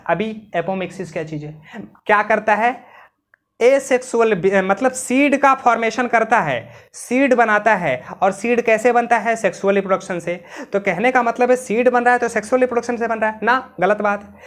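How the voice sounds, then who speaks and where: Indian male biology tutor, casual lecture, dictates notes slowly. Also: sits high, a bit bright. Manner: chatty, calls students "beta", slows right down to dictate English. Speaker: biology teacher.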